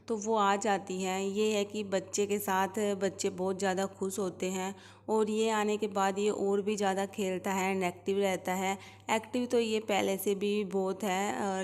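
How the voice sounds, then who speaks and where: A woman vlogging from home about her baby's routine, talking calmly and explaining things with soft hesitation fillers. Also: mid-range voice, big-room sound. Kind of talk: casual home vlog narration. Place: indoors at home.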